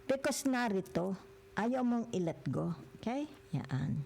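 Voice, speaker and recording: A woman's voice: fairly high pitch, animated, slow, vocal fry, warm tone, a little hiss or hum. An older woman giving a tarot reading, mixing Tagalog and English and ending nearly every phrase with a questioning tag. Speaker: tarot reader.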